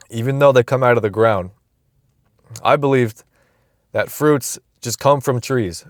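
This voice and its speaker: A young man vlogs from inside a car, recorded on a phone camera, yet the sound is clean and studio-like with no echo. His medium-pitched voice muses aloud in a loose, rambling way, often restarting his thoughts.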